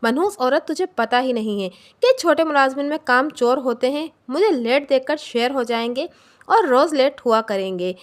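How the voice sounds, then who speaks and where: A woman's voice: high voice, animated, normal speed. A woman voicing a short-tempered adult husband who rebukes and insults his wife in a storybook reading. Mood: angry scolding.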